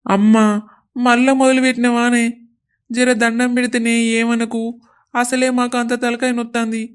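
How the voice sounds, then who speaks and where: A mild young husband soothes and pleads in a flat, even voice, voiced by a woman. The tone is smooth and clear, and he sounds worn out. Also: fairly high pitch, moderate pace, lightly acted. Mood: weary. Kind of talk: cartoon voice acting.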